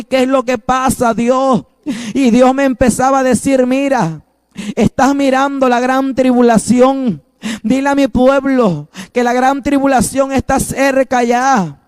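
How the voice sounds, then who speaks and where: A man's voice: very high-pitched, clean tone, dry recording, clean studio sound. A man preaching a fervent prophetic sermon, repeating declarations as he recounts visions.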